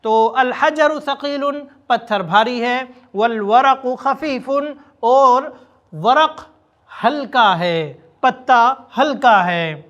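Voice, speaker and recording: A man teaching a spoken language lesson, explaining words quickly and then repeating example phrases slowly and deliberately. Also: extremely high pitch, expressive, fairly bright tone, highs cut off. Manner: slow, drawn-out repetition of example phrases. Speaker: Arabic teacher.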